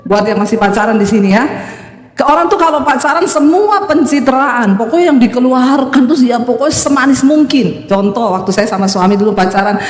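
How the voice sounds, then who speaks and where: A woman's voice: a little high, a little mellow. A woman pastor with a Sulawesi accent, preaching a sermon to a congregation in a church hall through humorous storytelling. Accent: Sulawesi Indonesian. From Sulawesi, Indonesia. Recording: echoey church hall, long reverb.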